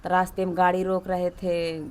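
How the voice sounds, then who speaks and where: A woman's voice: lowish voice, monotone, moderate pace, a little mellow, clear, resonant tone. A woman with an eastern Uttar Pradesh accent, a grieving family member, describing what happened and pleading for justice in an interview. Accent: Bhojpuri-Awadhi eastern Uttar Pradesh. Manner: grieving, wailing lament then earnest complaint. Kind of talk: interview about a local crime case.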